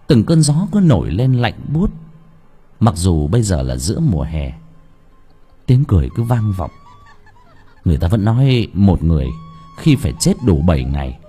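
A man narrating a horror audiobook in an expressive, dramatic way. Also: lowish voice, slightly rough. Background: faint background music.

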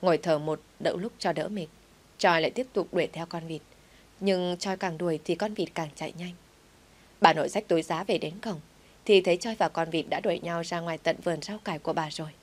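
A woman narrating an audio story in a steady, plain reading voice. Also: on the low side, brisk.

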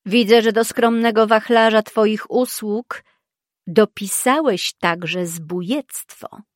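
Woman playing a composed male monster hunter, slow measured, dry sound. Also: mid-range voice, dry recording, lightly acted. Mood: wry. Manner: calm, measured. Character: calm dark-haired male witcher, steady and wry.

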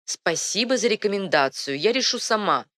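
A woman voicing a headstrong young princess with a sharp, insistent manner in an audiobook. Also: medium pitch, lively intonation, moderate pace, pitched above the performer's own voice. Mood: urgent. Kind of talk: audiobook reading.

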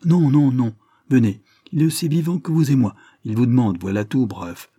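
A man voicing a brisk male lawyer who speaks in an urgent, reassuring way. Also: mid-range voice, warm tone, husky, no room sound, studio quality, close to an everyday voice.

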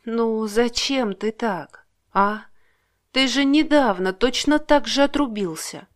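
A woman voicing a gentle, apologetic young man who talks slowly and quietly. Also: a little high. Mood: soothing apologetic. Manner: slow, soft, quiet.

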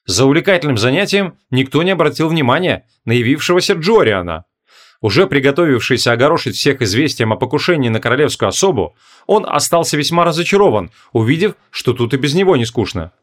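A man narrating an audiobook in an expressive storytelling manner. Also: medium pitch, fast. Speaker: audiobook reader. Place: home studio.

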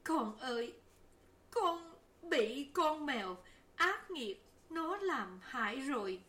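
A woman's voice: high voice, animated, slow, fairly bright tone, reverberant, pitched above the performer's own voice, heavily acted. A woman voicing a grieving mother who laments tearfully in an audiobook.

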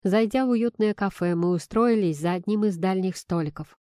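A woman reading an audiobook in a measured, even way, narrating in the first person. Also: medium pitch, clean tone, no room sound, studio quality. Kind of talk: scripted narration.

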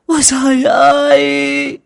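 A man voicing a scheming village stepmother who wails crocodile tears in a shrill falsetto with drawn-out sobbing cries. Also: completely flat delivery, vocal fry, exaggerated voice. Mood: fake wailing.

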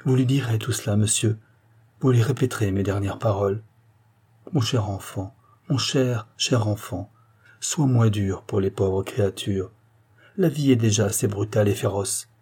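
A man voicing a dying mother, husky and anguished. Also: lowish voice, moderate pace, dark tone. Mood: tender pleading. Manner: impassioned, pleading. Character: dying middle-aged mother, anguished and grieving. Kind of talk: audiobook reading.

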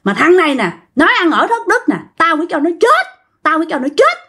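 A bitter old ghost man, played by a woman storyteller, speaking. His voice sits high and swings widely in pitch as he berates in coarse, repetitive bursts. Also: huge pitch swings, fast, sharp tone, full character voice. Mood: furious. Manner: scolding, coarse, repeats himself. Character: vengeful old male ghost, scolding and bitter.

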